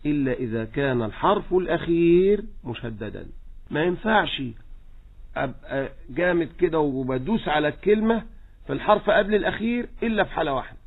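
A man with an Egyptian accent teaching Quran recitation in a radio lesson, slowly demonstrating each example. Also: a little high. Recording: tinny phone-like radio line.

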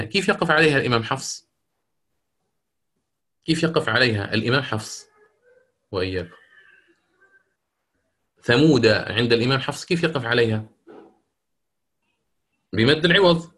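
A man leads a recitation lesson at a measured teaching pace. He explains each rule carefully, often checks in with his students, and stops to correct himself when he misspeaks. His voice sits in a middle pitch. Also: a bit bright.

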